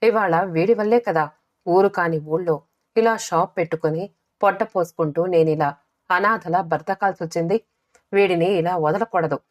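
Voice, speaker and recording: A woman telling a first-person story as an audiobook narrator, in a measured, expressive way. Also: lowish voice.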